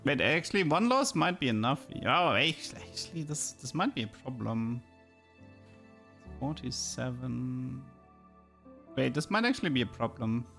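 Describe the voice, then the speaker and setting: A man's voice: medium pitch, sing-song, normal speed, gravelly, pushed and bright. A man from Germany speaking English with a German accent, casually chatting and thinking aloud as he streams a game, often repeating words. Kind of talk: casual live gameplay commentary and chat. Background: music.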